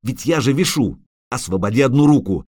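A proud sorceress , voiced by a man, answers in short, cold snaps, low and restrained. The storybook reading is dry and close. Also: lively intonation, fairly quick, darkish tone, husky, no echo. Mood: cold, curt. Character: proud, sharp-tongued female sorceress.

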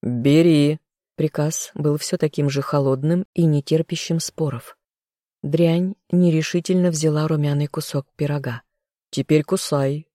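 Mellow, dry-toned audiobook reader. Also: medium pitch, steady tone, normal speed, no room sound. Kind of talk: first-person scripted narration.

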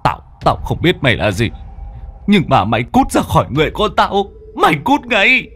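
Desperate young father, voiced by a man, shouting, stammering, strained high voice. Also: wildly swooping pitch, normal speed, husky, faint music behind, heavily acted. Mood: defiant.

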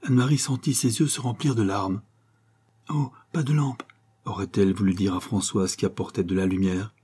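A man reading a literary story aloud as narrator, measured and expressive. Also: low-pitched, slightly rough.

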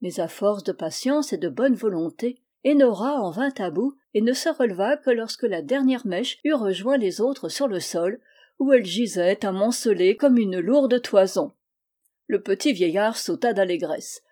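Une femme qui lit un conte de fées d'une narration mesurée et expressive. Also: female voice, mid-range voice, moderate pace. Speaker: storyteller. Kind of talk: fairy tale reading.

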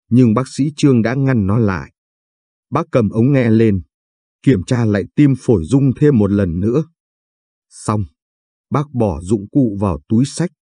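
A man narrating a sad story in a measured, somber reading. His voice is low and mellow, with a husky grain to it. The sound is dry and close-miked. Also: no echo.

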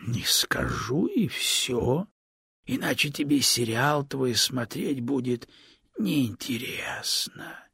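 A man reading an audiobook, voicing a sly, evasive male serpent who speaks in a low, measured and sometimes hushed way. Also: lively intonation, vocal fry, slightly rough, no room sound, studio quality, full character voice. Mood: calm, sly. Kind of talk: audiobook character voice.

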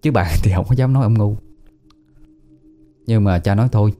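Low-voiced Southern Vietnamese storyteller man. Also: moderate pace, dark tone, soft background music. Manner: plain conversational retelling with southern colloquial words. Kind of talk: narrating a listener's spooky family story.

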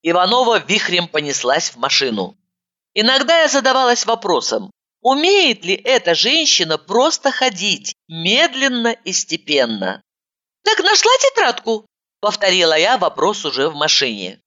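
Женщина читает аудиокнигу, иронический детектив от первого лица, живо и насмешливо, в репликах героини повышая голос. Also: female voice, moderate pace, lo-fi sound. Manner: lively, ironic, rising to high pitch in her own dialogue. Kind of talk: audiobook narration of an ironic detective novel.

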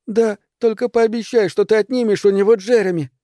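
A man voicing a quiet, devoted young girl who speaks in a flat, colourless voice. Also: mid-range voice, fairly quick, no room sound, clean studio sound, pitched above the performer's own voice, close to an everyday voice.

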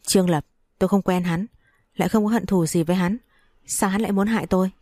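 A woman voicing a calm, guarded young businessman. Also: mid-range voice, dry recording, clean studio sound, close to an everyday voice. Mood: stern. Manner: measured, matter-of-fact. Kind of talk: audiobook story reading.

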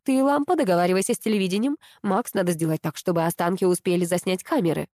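A woman reading an audiobook and voicing a domineering older mother-in-law who runs a beauty pageant and shouts orders. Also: lowish voice, quick pace, no room sound, clean studio sound, natural voice. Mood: bossy.

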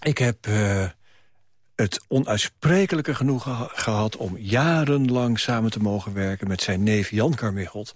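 A man hosting a radio show, talking in a relaxed, hesitant way. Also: lowish voice, normal speed, no room sound, studio quality. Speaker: radio host. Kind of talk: casual radio presenting.

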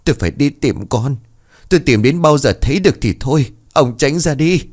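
A man's voice: medium pitch, expressive, brisk, a little mellow, pitched above the performer's own voice, natural voice. A man voicing a distraught middle-aged mother who pleads and wails for her missing daughter, in a storybook reading. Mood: frantic. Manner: wailing, insistent pleading.

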